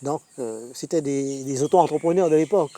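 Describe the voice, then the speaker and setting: A man's voice: on the high side, a little fast, mellow. A man giving spoken testimony in a hesitant way, repeating words as he goes. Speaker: interviewee.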